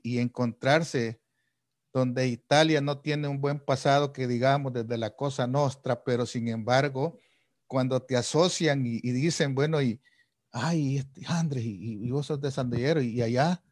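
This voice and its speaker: A man hosting a casual panel chat over a video call, animated and acting out the dialogue he quotes. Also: medium pitch, a little slow, no echo, studio quality. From El Salvador. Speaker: host.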